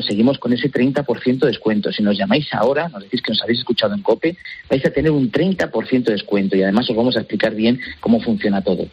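A man's voice: medium pitch, breathy edge, lo-fi sound. A man, a guest on a radio interview, talking earnestly and persuasively and repeating himself for emphasis. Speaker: guest promoting defibrillators.

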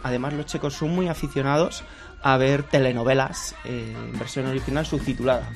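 A man's voice: mid-range voice, steady tone, a little fast, creaky, soft background music. A man with a Spanish accent, a guest on a comedic live show, telling playful stories about his year abroad. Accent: Spanish from Spain. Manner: storytelling, playful, mock-sings snatches of songs. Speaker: guest presenting a country segment.

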